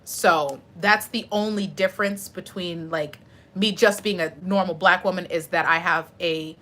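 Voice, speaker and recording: Chatty bright-voiced woman streamer. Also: medium pitch. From United States. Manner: chatty, animated, answers chat questions. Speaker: live streamer. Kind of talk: casual live stream chat.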